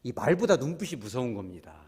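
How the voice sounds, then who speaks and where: A man preaching a sermon as pastor, animated, acting out quotes and often speaking to the congregation. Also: medium pitch, fast, breathy edge.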